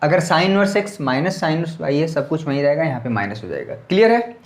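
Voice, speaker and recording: In a reverberant room, a man with a fairly high, sing-song voice moves briskly through a maths lesson at the board. His throat is slightly sore, and his chatty delivery is dotted with repeated checks such as "clear?" to make sure students keep up.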